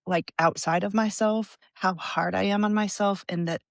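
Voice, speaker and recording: A woman guest on a faith-based podcast, speaking thoughtfully and haltingly as she searches for words. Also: mid-range voice, steady tone, vocal fry, no echo.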